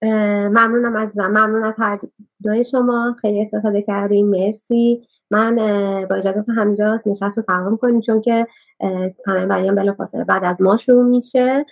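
Gravelly-voiced woman moderator, muffled audio. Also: medium pitch, little pitch movement. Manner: polite and gracious, thanking the speakers and audience. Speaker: panel moderator. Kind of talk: closing remarks at a panel. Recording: dull, lo-fi audio.

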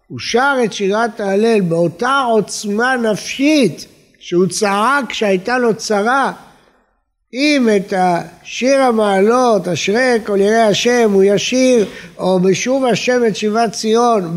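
High-voiced man giving a reverberant sermon. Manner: expressive, rising and falling emphasis. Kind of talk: Torah lesson sermon. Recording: long reverb of a hall.

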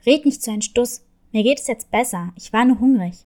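A woman voicing a grumpy, suspicious male wolf in a children's story, speaking gruffly and loudly. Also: on the high side, moderate pace, pitched below the performer's own voice, natural voice. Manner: gruff, growling, gets loud. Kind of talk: storybook reading.

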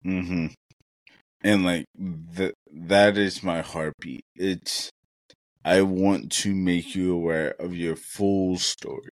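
A young man with a deep, low voice talks slowly and earnestly, thinking aloud with plenty of fillers as he co-hosts a casual podcast. His voice sounds dry and close, with no room echo. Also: fairly even intonation. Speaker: podcast co-host.

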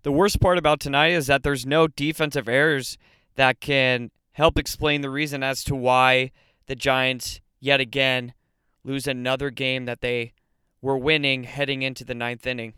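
Man, sports podcast host, opinionated, fired up, very smooth resonant voice, dry close sound. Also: mid-range voice, steady tone, moderate pace, sharp tone, dry recording. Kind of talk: solo sports commentary podcast.

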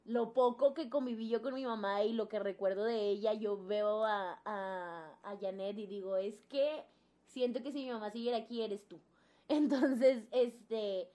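Speaking at a measured pace with a slightly high voice, a young woman with a Mexican accent shares a personal story in casual talk. She acts out the quoted voices with animated flair.

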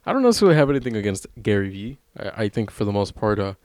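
Big pitch swings mark this young male podcast co-host's fairly low, slightly mellow voice as he talks very fast in casual chat. He rambles, swears a lot and laughs frequently, recorded dry at studio quality.

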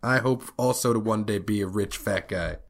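A man's voice: on the low side, moderate pace, gravelly. A man with a head cold hosting a podcast, chatting casually and reading out listener messages. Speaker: podcast host.

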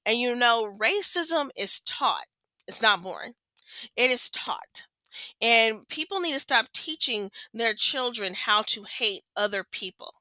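A woman talks into her podcast mic in an earnest, impassioned monologue, repeating phrases to drive her points home. Her voice sits a little high and rings bright and forceful. The recording is close and dry, with almost no room sound. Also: no echo, poor audio. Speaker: podcast host. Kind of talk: personal opinion monologue.

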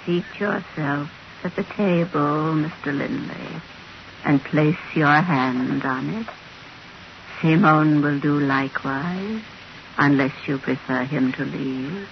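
An actress playing a mysterious female spirit medium in a 1940s radio drama, speaking in a hushed, commanding way. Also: sits low, slow, vocal fry, heavily acted. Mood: solemn. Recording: roomy, dull old radio with hiss.

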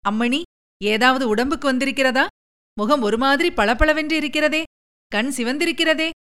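A woman's voice: high-pitched, moderate pace, a bit bright, pitched above the performer's own voice. A woman voicing a protective, fond old nursemaid who talks in a coaxing, gossipy way. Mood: concerned.

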